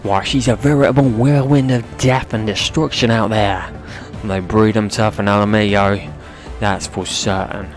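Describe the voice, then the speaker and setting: A man's voice: on the low side, fairly even intonation, normal speed, music in the background, natural voice. A man voicing a bombastic old arena announcer in a video game, with a grandiose, theatrical showman's delivery. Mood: excited commentary. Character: bombastic old male arena announcer, gleefully promoting bloodsport. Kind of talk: video game dialogue read aloud.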